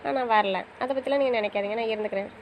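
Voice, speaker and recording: A woman's voice: mid-range voice, rapid-fire, slight background noise, poor audio. A young woman in affectionate, teasing banter with her husband, pleading and playful by turns. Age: young adult. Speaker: wife in a couple's chat. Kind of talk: casual couple banter.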